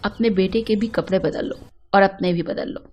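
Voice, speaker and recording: A woman voicing a calm, sorrowful wealthy young man in a spoken story, reading his lines in a quiet, steady, unhurried way. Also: medium pitch, lightly acted.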